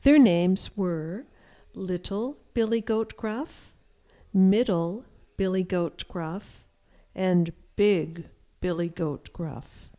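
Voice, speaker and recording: A middle-aged woman, a reading teacher, reading a fairy tale aloud to young children in a clear, deliberate way. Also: fairly low pitch, warm tone. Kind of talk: slow read-aloud storytelling for young children.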